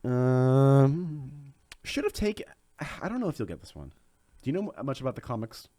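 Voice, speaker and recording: A man in a casual podcast chat, reading reviews aloud with a teasing, joking edge. His pitch swings widely as he talks. The sound is dry and close, with no room around it. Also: wildly swooping pitch, fast, a little mellow, dry recording. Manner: joking, playful, reads aloud with silly voices. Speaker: podcast co-host reading reviews as quiz questions.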